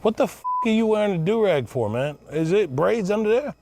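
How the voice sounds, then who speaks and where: Blunt, high-voiced, gravelly man hosting. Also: lively intonation, fairly quick, noisy background. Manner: blunt, teasing, slangy, swearing. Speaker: host judging auditions on a livestream. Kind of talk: casual comedic interview.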